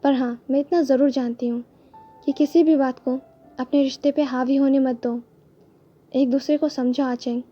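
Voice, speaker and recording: Woman doing caring elder sister, soothing, high voice, mellow, lo-fi. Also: fairly even intonation, normal speed, soft background music. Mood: gentle.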